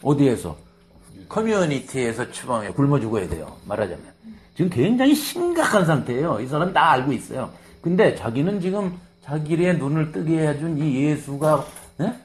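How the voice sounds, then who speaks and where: A man's voice: a little high, moderate pace. A man preaching a sermon, explaining scripture in a conversational way and acting out quoted lines. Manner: animated, acts out quoted lines, conversational asides. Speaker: pastor.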